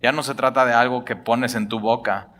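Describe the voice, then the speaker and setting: Bright-voiced pastor preaching with animation. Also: male voice, medium pitch, fairly quick. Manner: animated storytelling, acting out dialogue with jokes. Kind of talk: sermon.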